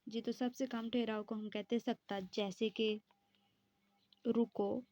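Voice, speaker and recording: A woman's voice: fairly high pitch, steady tone, moderate pace, a little mellow, no room sound. A woman teaching an exam-prep lesson, explaining step by step and answering her own questions.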